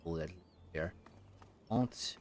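A man's voice: low voice, slow. A man in his thirties giving casual, hesitant, musing commentary as he plays a video game. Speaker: gaming streamer.

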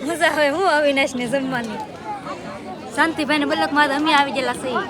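A woman's voice: high voice, steady tone, a little fast, over a noisy crowd. A woman with a Gujarati accent chatting playfully and modestly on a family vlog, filmed on a handheld phone. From Gujarat, India. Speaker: family member, vlogging. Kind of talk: casual family vlog chat.

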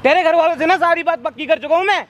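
A man playing an angry, high-voiced fiancé. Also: rapid-fire. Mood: threatening. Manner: confrontational and threatening. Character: angry young fiancé confronting a rival. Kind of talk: staged romance skit. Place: outdoors in a park. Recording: loud outdoor noise.

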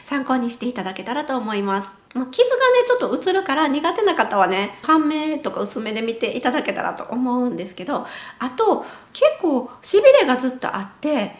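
A woman's voice: sits high, sing-song, brisk, few pauses. A woman, chatting casually in a home vlog, her speech a little sluggish and strained after nose surgery as she corrects herself along the way. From Japan. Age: 40s. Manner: chatty, self-correcting, talks while wincing in pain. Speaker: vlogger. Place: at home, indoors.

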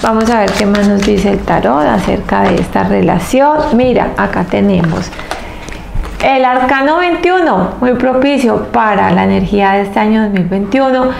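A tarot host in her thirties offers an earnest spiritual reading in short, emphatic bursts separated by pauses, her medium-pitched voice darkish and heavily creaky. She sits at a table in a small, echoey indoor room, captured on a lapel mic with faint background noise.

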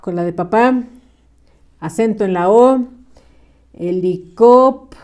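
Slow, patient woman teaching small children. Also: mid-range voice, warm tone. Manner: patient, encouraging, spells words out syllable by syllable. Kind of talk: slow children's writing lesson.

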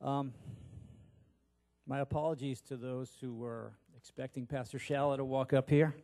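A pastor in his sixties gives an informal sermon from the pulpit of a large church auditorium, speaking into a handheld microphone in a hesitant, self-deprecating, folksy way. His medium-pitched voice is steady and dark, at a moderate pace.

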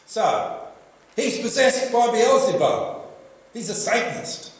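Older Australian pastor preaching in echoey church. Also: male voice, very high-pitched, takes it slowly. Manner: animated storytelling, asks the congregation questions. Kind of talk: sermon. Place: church hall with projection screen. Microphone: lectern microphone.

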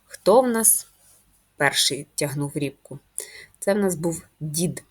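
Slow, breathy woman teaching first grade. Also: low voice, lively intonation. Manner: patient, spells out sounds and syllables; coaxing questions to children. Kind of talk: first-grade reading lesson.

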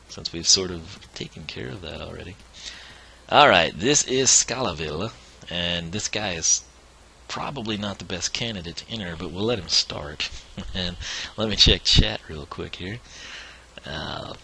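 A man's voice: low voice, big pitch swings, a little slow, creaky, sharp tone, husky. A man streaming a video game who is losing his voice, chatting casually and chuckling as he plays. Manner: chatty, rambling, chuckles often. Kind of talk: casual let's-play commentary.

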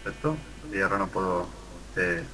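A man's voice: low voice, expressive, moderate pace, noisy background. A man giving casual gameplay commentary with a friend, rambling, joking and swearing a lot. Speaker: gamer co-host.

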